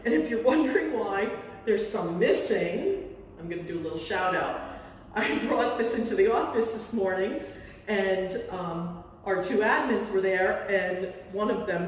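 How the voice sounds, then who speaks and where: A woman's voice: mid-range voice, a little hiss or hum. Chatty woman in an echoey kitchen. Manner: chatty, self-deprecating asides. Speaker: real estate agent hosting a cooking demo. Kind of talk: casual cooking demonstration. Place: kitchen of a rental home. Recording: very echoey room, distant mic.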